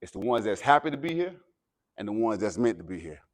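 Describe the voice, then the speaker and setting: This pregame pep speech comes from an American man invited as a motivational speaker, whose fairly low voice moves quickly. Preacherly and emphatic, he begins calmly and rises to loud, urgent exhortation.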